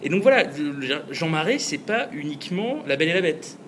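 A man with a somewhat high voice hosts a casual podcast chat and talks easily at length. He laughs often. Faint ambient hiss sits under his voice. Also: very animated, fairly quick, fairly bright tone. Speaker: podcast host.

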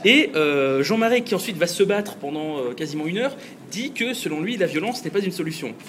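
A man's voice: high-pitched, lively intonation, a little fast, fairly bright tone, a little hiss or hum. A man hosting a podcast, chatting enthusiastically and poking fun at himself. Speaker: podcast host. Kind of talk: casual chat.

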